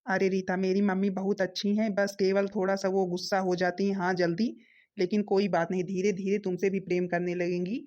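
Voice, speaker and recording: A woman voicing a gentle, obedient young husband in a cartoon. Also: mid-range voice, flat delivery, fairly quick, muffled recording, lightly acted. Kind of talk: cartoon voice acting.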